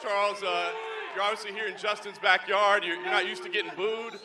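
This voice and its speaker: A man's voice: high-pitched, steady tone, a little fast, a loud crowd. A man working as a reporter, putting questions at a press conference. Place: large press conference venue. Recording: noisy hall microphone.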